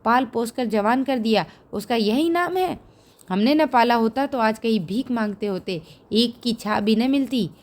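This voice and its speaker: Fierce middle-aged village wife, loud and scolding, read by a woman; storybook reading. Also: fairly high pitch, a little slow, close to an everyday voice. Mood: angry shouting. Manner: shouting, scolding, defiant.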